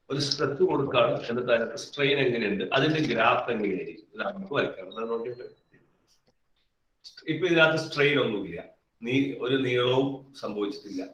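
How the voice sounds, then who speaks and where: A man's voice: mid-range voice, a bit bright. A man teaching a physics class live online. He calls on students by name, coaxes answers out of them and repeats key phrases over and over. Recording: echoey room, mic far off.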